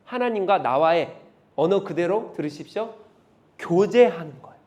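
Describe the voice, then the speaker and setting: A male pastor preaching a sermon, emphatic and full of rhetorical questions, swinging from loud to hushed. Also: high voice, lively intonation, moderate pace.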